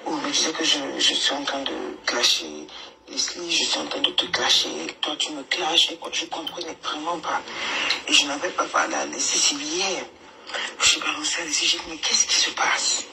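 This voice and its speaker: A woman's voice: low-pitched, moderate pace. A woman coach speaking in a voice message played back from a phone, hesitant, with many fillers and restarts. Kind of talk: casual spoken voice note. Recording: noisy voice message playback.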